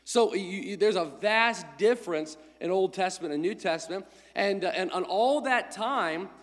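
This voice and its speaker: A male pastor, his voice somewhat high for a man and still congested from a cold, preaches in a friendly, conversational way at a moderate pace. Speaking into a pulpit microphone, he delivers a sermon with announcements as his words ring out with long reverb in the church sanctuary.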